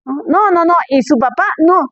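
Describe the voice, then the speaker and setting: A woman's voice: very high-pitched, moderate pace, a bit bright, dry recording, muffled recording. A woman pastor giving a conference sermon in a conversational way, firing rhetorical questions at her listeners.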